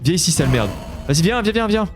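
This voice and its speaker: A man giving loud, jumpy commentary while playing a horror Minecraft mod, yelping when startled and swearing at the monsters. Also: sits high, sing-song, fast, soft background music. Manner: talks to the game monsters. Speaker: gaming YouTuber. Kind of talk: live Minecraft let's-play commentary.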